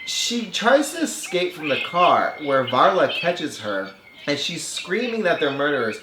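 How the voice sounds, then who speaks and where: A man's voice: on the high side, big pitch swings, unhurried, heavy background noise. Guy snarkily recapping a movie, acts out the lines, echoey room. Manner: sarcastic, acts out the characters. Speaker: film podcast host. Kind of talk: casual film recap.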